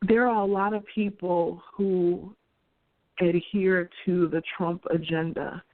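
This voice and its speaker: Speaking slowly with fairly even intonation, this lowish-voiced woman in her forties from New York hosts an earnest, conversational opinion monologue full of restarts and light laughs. The recording has no room sound and a tinny, phone-like dryness.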